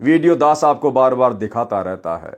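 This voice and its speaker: A man's voice: mid-range voice, big pitch swings, normal speed. A male preacher reading a scripture story aloud and stopping to comment, calling his listeners brothers and sisters.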